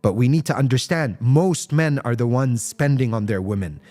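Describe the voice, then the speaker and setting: His pitch is medium, his tone darkish, and his speed normal. This Islamic speaker passionately addresses faith during a live stream, responding to viewers' comments and combining English with Arabic phrases and rhetorical questions.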